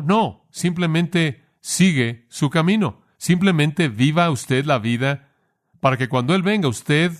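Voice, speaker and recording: Earnest preacher man asking rhetorical questions. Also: fairly high pitch. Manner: earnest, asks rhetorical questions and answers them; slows down to stress key phrases. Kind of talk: sermon with closing prayer.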